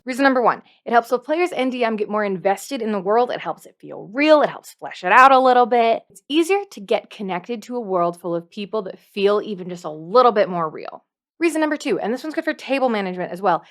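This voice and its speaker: A woman with a medium-pitched, slightly bright voice hosts a scripted how-to video as a dungeon master giving tips. She talks to camera playfully and emphatically, repeating points for effect.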